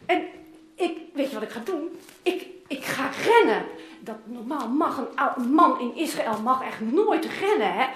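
Woman voicing fond old father in a kids' Bible role-play, high lively voice, roomy echo. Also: unhurried. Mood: tender. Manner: animated, coaxing, talks to the children. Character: loving older father longing for lost son. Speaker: children's Bible teacher. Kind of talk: interactive Bible story role-play for children. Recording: roomy echoing room.

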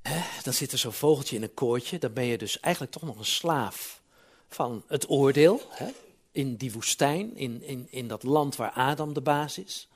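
A man's voice: mid-range voice, lively intonation, normal speed, husky. A man preaching a sermon in church, talking conversationally with frequent asides and building to emphatic peaks.

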